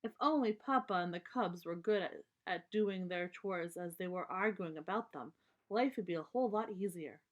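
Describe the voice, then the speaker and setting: Reading a children's storybook aloud, a woman with a voice on the low side stays expressive and stops to give young listeners simple, emphatic explanations of words. The sound is lo-fi.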